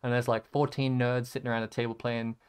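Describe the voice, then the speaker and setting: Smooth-voiced young man telling rambling stories. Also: medium pitch, level tone, quick pace, darkish tone. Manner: rambling, sarcastic, swears freely. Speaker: content creator. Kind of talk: casual storytelling over photos.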